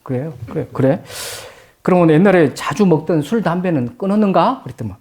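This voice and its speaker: A middle-aged man preaching, his pitch rising and falling widely as he tells stories. He acts out the voices of the people he talks about. His quieter lines give way to loud exclaiming. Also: fairly quick. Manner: lively, acts out dialogue, swings from hushed to loud exclaiming. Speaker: pastor. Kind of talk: sermon with told anecdotes.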